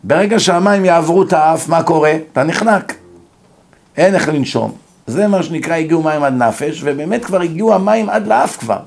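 A man teaches a religious class to a group. His voice sits a bit high, and he tells his stories with animation, playing out each exchange and asking questions of his listeners. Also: creaky. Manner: animated storytelling, acting out dialogue. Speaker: rabbi lecturer. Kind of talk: religious lecture.

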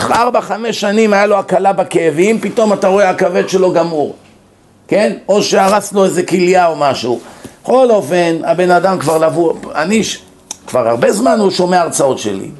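A man with a fairly high voice preaches at a class, lecturing with lively storytelling. He teases and scolds his listeners with humor. The talk moves between teaching and anecdote. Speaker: rabbi giving a Torah class. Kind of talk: sermon-style lesson with storytelling. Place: class in Brooklyn.

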